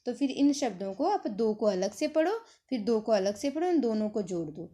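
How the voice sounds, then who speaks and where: A woman's voice: on the high side, animated, normal speed, dark tone. A woman teaching a phonics lesson, patiently sounding out letters one at a time and then joining them into words, repeating each word.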